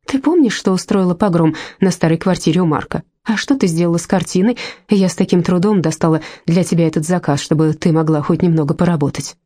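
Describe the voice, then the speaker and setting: A woman's voice: fairly low pitch, fast, warm tone, close to an everyday voice. A woman voicing a caring but insistent female friend in an audiobook, pleading and persuasive. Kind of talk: audiobook character voice.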